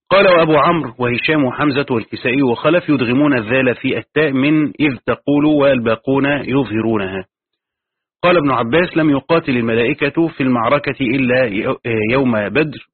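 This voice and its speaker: A man with a mid-range, slightly rough voice teaches Quran commentary, reading aloud from a tafsir text and then adding his own explanations. There's no room sound, but the recording is tinny and phone-like lo-fi.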